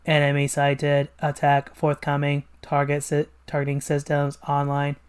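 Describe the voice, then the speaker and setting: A comic read-along reader voicing a cold robotic evil robot double in a flat, clipped machine voice, giving monotone robot announcements. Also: medium pitch, a little slow, clear, resonant tone, close to an everyday voice. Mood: mechanical.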